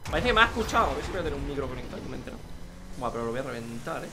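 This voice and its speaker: A young man with a Spain Spanish accent giving excitable live gaming commentary, swearing and yelling at other players. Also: mid-range voice, very fast, background noise. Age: young adult. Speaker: gaming YouTuber.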